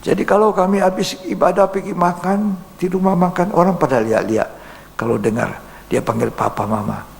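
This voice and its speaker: A male pastor, preaching a sermon as an earnest story, acting out dialogue and dropping to soft whispers. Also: high-pitched, a little fast. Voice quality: gravelly. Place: church. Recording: long church reverb, faint hum.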